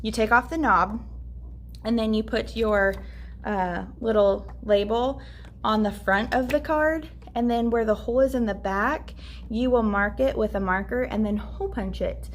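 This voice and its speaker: Young woman, casual classroom vlog, slightly high voice, faint room hiss, chatty with lots of ums. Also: unhurried. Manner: chatty, upbeat, many fillers. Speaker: teacher.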